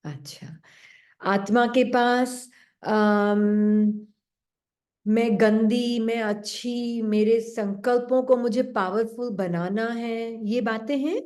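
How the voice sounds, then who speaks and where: Soft-toned woman teaching meditation. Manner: gentle, questioning, acts out the doubting mind in a low voice. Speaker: spiritual teacher. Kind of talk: spiritual talk to an online class.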